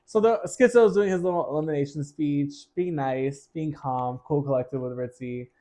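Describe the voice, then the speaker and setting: A man's voice: a little high, normal speed, warm tone. A man co-hosting a podcast, telling the story of a competition in a candid, wry way. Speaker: podcast co-host. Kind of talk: casual chat recounting a drag competition.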